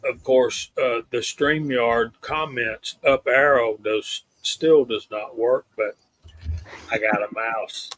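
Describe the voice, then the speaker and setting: A man's voice: mid-range voice, slow pace. A man hosting a casual live stream and reading out viewer names. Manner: reads out viewer names in a steady list.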